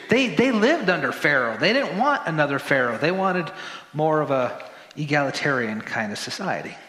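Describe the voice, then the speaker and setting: A pastor with a fairly high, somewhat bright voice gives a conversational sermon full of humorous asides and repetition. The recording captures the reverberant space of the church sanctuary.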